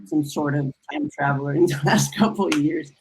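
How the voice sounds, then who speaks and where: A woman from the Republic, a storyteller and novelist speaking in a panel discussion over a video call, halting and full of fillers. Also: deep voice, background noise. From Dominican Republic.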